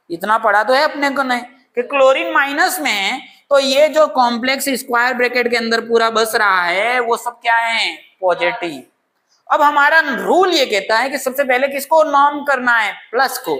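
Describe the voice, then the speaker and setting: A woman's voice: high-pitched, sharp tone. A woman teaching a chemistry lecture, asking questions and answering them herself, with homely examples. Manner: homely examples, playful asides. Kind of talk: classroom lecture.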